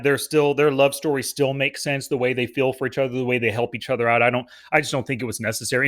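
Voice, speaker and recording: A man's voice: medium pitch, a bit bright. A man co-hosting a podcast, chatting easily about a movie with joking asides. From California, United States. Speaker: podcast co-host. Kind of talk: casual film review chat.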